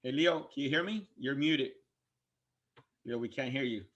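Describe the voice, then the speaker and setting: A man's voice: medium pitch, moderate pace, a bit bright, lo-fi sound. A man on a video call, telling another speaker briefly and plainly that he is muted. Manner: brief, practical remarks.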